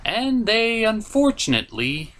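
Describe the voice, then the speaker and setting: Hosting a comedic recap of a film, this reviewer sounds highly animated and sarcastic, his pitch varying widely between lines, though he speaks a little slowly.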